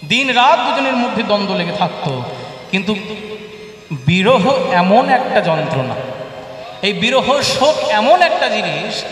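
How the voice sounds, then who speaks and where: High-pitched man preaching and chanting kirtan, slow drawn out, roomy hall from far off, music behind. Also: very animated, fairly bright tone. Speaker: kirtan singer and storyteller. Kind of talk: devotional storytelling kirtan. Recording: echoey live hall, far from mic, music.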